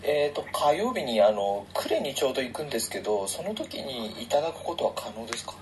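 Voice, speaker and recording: A man's voice: mid-range voice, very animated, brisk, background noise. A man in a recorded casual conversation, speaking politely and deferentially and agreeing readily.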